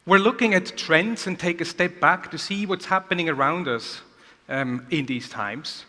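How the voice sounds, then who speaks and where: Bright-voiced man giving a keynote. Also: a little high. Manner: energetic, rhetorical questions. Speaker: keynote speaker. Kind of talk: conference keynote. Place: large conference hall. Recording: reverberant conference hall.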